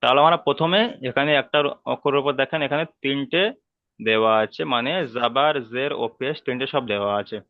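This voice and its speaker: A patient man teaches an online class at an ordinary pitch, repeating every rule slowly and carefully. His voice is dry and close, with the dull, muffled sound of a computer mic on a video call. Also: no echo. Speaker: Quran reading teacher.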